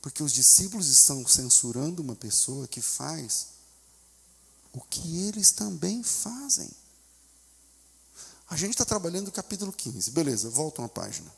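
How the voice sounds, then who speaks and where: A high, gravelly, husky male voice with a Brazilian Portuguese accent, preaching from the pulpit. He drops to quiet, confiding asides and then climbs to loud, fervent cries, putting on the voices of the people he tells about. A long reverb from the church hall trails each phrase. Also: sing-song, normal speed, pauses often. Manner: acts out voices of church members and a desperate mother. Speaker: pastor. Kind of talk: sermon.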